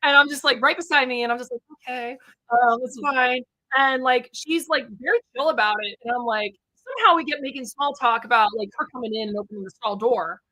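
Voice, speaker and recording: Young woman co-host, high bright voice, dry close sound, chatty storyteller. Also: fast, hardly any pauses, no echo, rough recording. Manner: chatty storyteller, many fillers, animated quotes. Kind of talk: casual chat.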